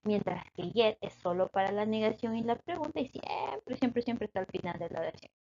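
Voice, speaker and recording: A woman's voice: mid-range voice, brisk, darkish tone, dull audio. A woman teaching an English grammar lesson in Spanish, explaining patiently and checking often that her students follow.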